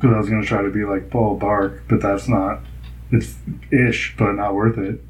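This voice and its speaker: A man's voice: on the low side, level tone, moderate pace, low-quality recording. A young man chatting casually, telling rambling stories full of fillers. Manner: rambling, filler-heavy storytelling. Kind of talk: casual chat.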